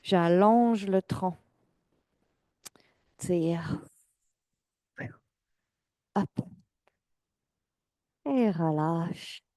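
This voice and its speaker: A woman fitness instructor, giving calm, measured exercise cues and counting reps. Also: on the low side, dry recording. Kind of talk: guided exercise class cues.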